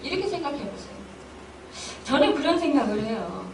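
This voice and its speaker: Woman pastor, fervent sermon, fairly high voice, echoey church, distant mic. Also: very animated, brisk, creaky, a little hiss or hum. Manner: earnest, emotional preaching with rising exclamations; many fillers and restarts, acting out her own inner voice. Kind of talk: Sunday sermon. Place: church hall.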